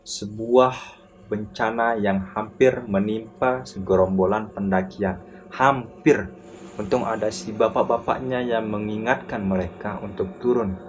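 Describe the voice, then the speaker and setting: A man narrating a horror story in a casual, slangy first-person way, over a noisy background. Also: fairly low pitch.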